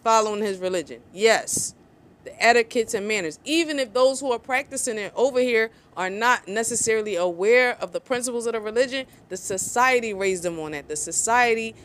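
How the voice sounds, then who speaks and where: A woman's voice: a little high, normal speed. A woman vlogger, giving angry, sarcastic opinion commentary. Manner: heated, sarcastic, mocks others in put-on voices.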